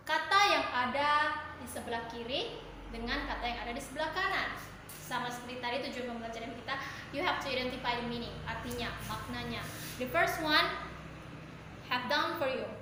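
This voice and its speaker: A woman's voice: sits high, normal speed. A woman with an Indonesian accent teaching English in a classroom, switching between Indonesian and English and asking questions and praising students. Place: empty classroom. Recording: very echoey room, faint noise.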